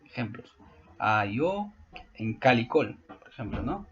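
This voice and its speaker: A male school teacher explaining a grammar lesson to his class, often pausing to check that students follow. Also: mid-range voice, very animated, lo-fi sound. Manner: explanatory, frequent checking questions. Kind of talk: online class lecture.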